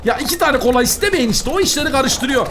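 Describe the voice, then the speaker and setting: A man hosting a gaming channel, giving excitable, chatty commentary while he plays and talks to the customers in the game. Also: very high-pitched, fast.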